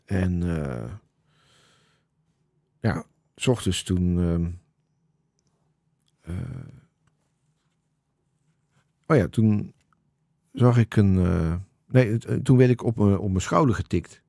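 A man hosting a podcast, in casual chat, telling a story in a halting, searching way. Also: deep voice, animated, creaky, warm tone, dry recording, studio quality. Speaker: podcast host.

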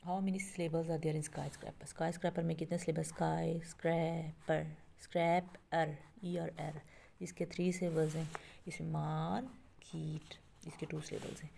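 A woman's voice: low-pitched, level tone, vocal fry, warm tone, a little hiss or hum. A woman teaching English, going through a workbook and explaining each English line in Hindi. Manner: explains in Hindi between slowly read English lines. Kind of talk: classroom lesson explaining a workbook.

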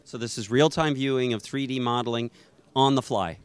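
Holding an interview microphone at an indoor trade show booth, a middle-aged man presents and puts questions to someone on camera. His voice is medium in pitch and runs a little fast.

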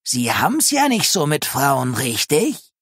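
An audiobook narrator voicing a nosy, pipe-smoking old woman who mocks her neighbor in a raised, croaky voice. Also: medium pitch, wildly swooping pitch, unhurried, fairly bright tone, dry recording, studio quality, voice pushed up, exaggerated voice. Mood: snide. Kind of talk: audiobook reading.

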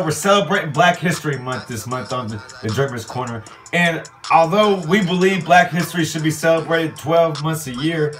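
A man with a slightly high voice hosts his show in a blunt, ranting manner. His voice sits a bit far from the mic, and faint music runs behind it. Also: a bit bright. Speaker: host. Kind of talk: casual show intro.

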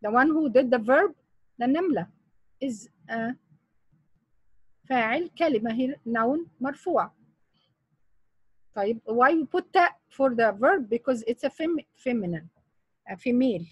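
A woman's voice: fairly high pitch, lively intonation, slow, long pauses, breathy edge, no room sound, muffled recording. A woman teaching grammar in English, quizzing her students with repeated questions. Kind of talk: online grammar lesson.

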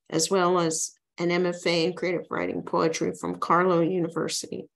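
A woman's voice: on the low side, gravelly. A woman hosting a poetry reading over a video call, introducing a featured poet from prepared notes. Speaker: reading host.

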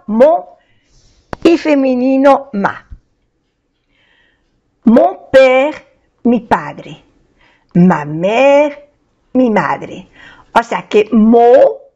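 A woman's voice: on the high side, darkish tone, lo-fi sound. An older woman teaching a beginner French lesson, patiently repeating each word and its translation. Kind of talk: slow beginner language lesson.

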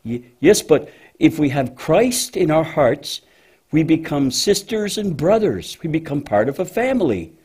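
A man performs a deep-voiced, motherly cow puppet for a children's church show, patiently explaining things with gentle hesitation. His exaggerated voice has big pitch swings, an unhurried pace, and a breathy edge.

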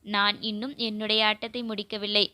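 A woman's voice: medium pitch, little pitch movement, normal speed, pushed and bright, no echo, natural voice. A woman voicing Love itself, mysterious and teasing.

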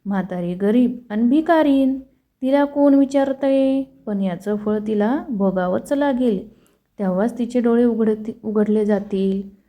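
A woman voicing a proud, poor old woman who scolds slowly and deliberately. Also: on the high side, phone-quality sound, lightly acted. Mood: indignant. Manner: slow, measured scolding.

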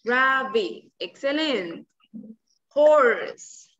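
A young woman, a native Spanish speaker, teaches small children in a slow, simple, encouraging way, as if talking to a toddler, having them repeat words. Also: high-pitched, animated, a bit bright. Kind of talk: preschool vocabulary lesson for repeat-after-me practice. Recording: distant, slightly muffled video-call audio.

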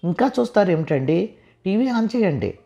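A man voicing a silly, excitable housewife who is crazy about TV contests, in a high, chirpy voice, for an audio comedy story. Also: normal speed, creaky, full character voice. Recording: dull lo-fi audio with soft music.

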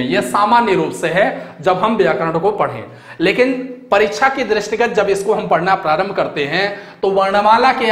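Male tutor, high voice, patient step-by-step explainer, recorded in a reverberant room. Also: fairly bright tone. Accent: Hindi, North Indian. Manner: explanatory, repeats key words, asks and answers own questions. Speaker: teacher. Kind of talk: exam-prep grammar lecture.

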